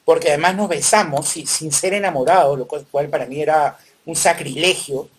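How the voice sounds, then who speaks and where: A man's voice: a little high, fairly quick, husky. A middle-aged man with a Peruvian Spanish accent, a podcast host reminiscing casually and unhurriedly with his son, with many fillers. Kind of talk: casual chat.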